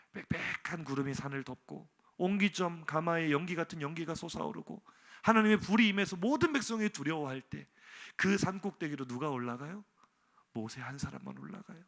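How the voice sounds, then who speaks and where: A middle-aged male pastor preaching a sermon in an animated way, voicing the people in the text in casual speech. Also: fairly high pitch, fairly quick, vocal fry.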